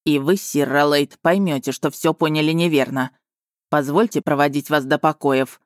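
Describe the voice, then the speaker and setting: A man voicing a commanding wolf lord who speaks steely, calm and sardonic in an audiobook. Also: fairly high pitch, moderate pace, dry recording, clean studio sound, close to an everyday voice. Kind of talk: audiobook dialogue reading.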